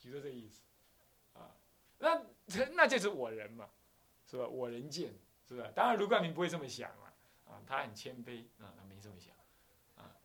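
Animated man giving a Buddhist lecture. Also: medium pitch, brisk. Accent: Taiwanese Mandarin. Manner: animated, acts out scenes, chuckles often. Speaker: Buddhist abbot teaching.

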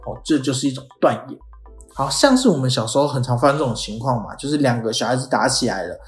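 A podcast host talks through an idea like a relaxed lesson, pausing on "哦" and slipping into short acted examples. The voice sits at a middling pitch. It is heard in a roomy, echoing space with faint music underneath. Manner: explains step by step, frequent "哦" fillers, acts out quoted lines. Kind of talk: explanatory podcast lecture.

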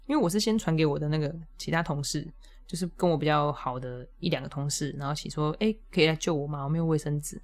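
A woman, hosting a podcast and telling a funny story in a casual, animated way, often laughing and jumping up high when exasperated. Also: quick pace. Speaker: podcast host.

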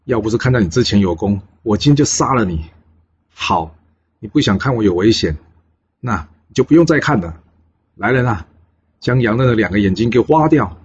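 A man voicing a domineering ancient tyrant king with loud, bossy outbursts. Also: on the low side, animated, fast, husky, dull audio. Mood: furious.

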